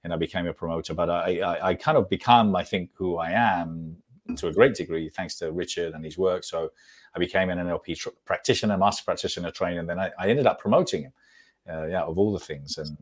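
A man being interviewed as a guest, speaking haltingly with many restarts. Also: low voice. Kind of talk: interview answers.

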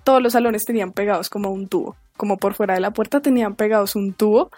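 A woman in her twenties with a Colombian accent, hosting a casual storytelling podcast in a chatty, slangy way and acting out quotes in a higher voice. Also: fast, darkish tone, no echo, faint music behind. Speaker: podcast host.

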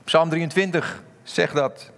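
A man's voice: fairly high pitch, steady tone, takes it slowly, vocal fry, fairly bright tone, long reverb tail. A man preaching a sermon, emphatic, with sudden rises and drops in his voice, addressing the congregation directly. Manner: addresses the congregation directly, asks rhetorical questions. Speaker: pastor.

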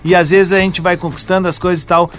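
A man's voice: high voice, little pitch movement, quick pace, over loud music. A man in his forties with a southern Brazilian accent, bantering playfully and slangily as a morning radio host. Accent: southern Brazilian, Porto Alegre area. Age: 40s. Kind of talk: casual live radio banter.

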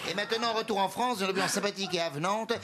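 A man's voice: sits high, racing, background noise. A man putting on the voice of a pompous old-time newsreel announcer as a comic parody, declaiming in a grandiloquent, mock-formal way.

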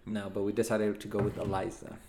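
A man's voice: on the low side, completely flat delivery, fast talker, gravelly, crowd noise. A young man co-hosting a podcast in casual chat, upbeat and teasing, laughing often. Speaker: podcast co-host.

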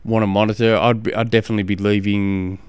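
A man with an Australian accent giving casual coaching advice as a podcast host, halting and often repeating phrases as he explains. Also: on the low side, level tone, darkish tone, clean tone, dry recording.

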